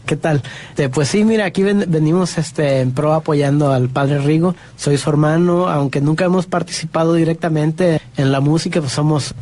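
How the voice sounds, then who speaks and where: A Mexican music producer speaks as a guest on a talk show, in a mellow, soft-edged voice. His pitch is a bit higher than most men's. He talks haltingly, repeating words and restarting often. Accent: Mexican Spanish. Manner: hesitant, halting, many restarts. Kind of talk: interview answers.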